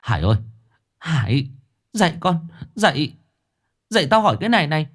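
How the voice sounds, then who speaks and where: A male storyteller voicing a frantic, worried middle-aged village mother who stammers and pleads in a raised, high voice. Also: big pitch swings, moderate pace, a little mellow. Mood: panicked.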